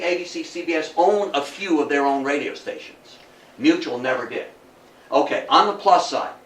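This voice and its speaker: Before a live audience indoors, a male guest lecturer with an American accent gives a forceful history lecture, echoing his own phrases for emphasis and questioning the crowd. His medium-pitched voice has a fairly bright tone, captured by a far-off mic in a roomy space with slight background noise.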